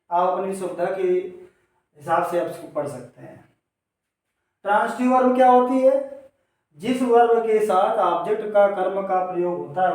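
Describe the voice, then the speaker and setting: Speaking to his students directly, a man teaches grammar in a high-pitched, somewhat mellow voice, explaining one step at a time and frequently answering his own questions. The mic sits far from him, and the room has a noticeable echo.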